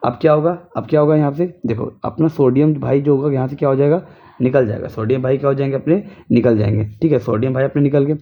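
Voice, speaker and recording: A man's voice: mid-range voice, fairly even intonation, quick pace. Young male tutor, casual home chemistry lesson, self-quizzing delivery, dull lo-fi sound. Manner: repetitive, drills students with rhetorical questions.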